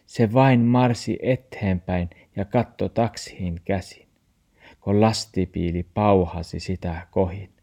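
Storybook narrator: a man, a low, mellow voice and a lively tune. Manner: expressive, sing-song storytelling. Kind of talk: children's storybook reading.

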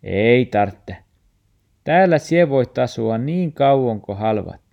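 A man's voice: medium pitch, expressive, creaky, muffled recording, voice pushed up. A man playing a kind grandfather. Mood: coaxing. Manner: warm coaxing dialect speech. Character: kind grandfather, gentle and reassuring.

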